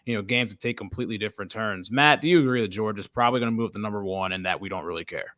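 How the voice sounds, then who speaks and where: A man's voice: on the low side, racing, a bit bright, no room sound. A man hosting a casual sports talk show, leading the talk and quizzing his co-hosts in a joking way. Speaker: podcast host.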